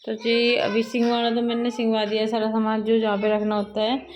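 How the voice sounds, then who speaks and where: A woman's voice: fairly high pitch, completely flat delivery, a little fast, darkish tone, faint music behind. A young woman with an Uttar Pradesh Hindi accent, chatting to viewers in a casual vlog as she explains each household chore while she works. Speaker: family vlogger and homemaker.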